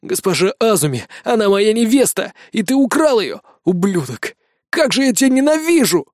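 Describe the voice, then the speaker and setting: A male audiobook reader voicing a brash lovesick seventeen-year-old boy who whines and shouts. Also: high-pitched, sing-song, moderate pace, no echo, clean studio sound, pitched above the performer's own voice. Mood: angry. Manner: whiny, shouting. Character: brash hot-headed teenage boy, lovesick. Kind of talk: audiobook character voice.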